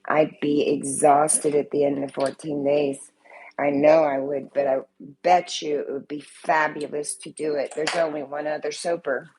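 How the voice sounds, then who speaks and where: A woman with a low, slightly mellow voice and a breathy edge is heard in a rough recording. A vlogger and soap maker with a slight cold, she chats casually to camera at home with her living room in view, rambling and swearing freely.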